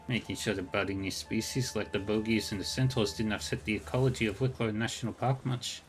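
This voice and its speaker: A man's voice: on the low side, natural voice. A wry, hard-bitten woman ranger speaks in a lilting Dublin accent, as a man puts her on. She talks in a folksy, blunt way with a dry edge. Faint game music plays under her. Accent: Irish, Dublin.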